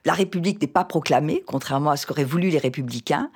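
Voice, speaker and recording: A woman's voice: low-pitched, fast, darkish tone, husky. A woman guest on an interview, explaining a novel and its history fluently with frequent hesitations. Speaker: guest literary expert. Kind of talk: radio interview, explaining literature.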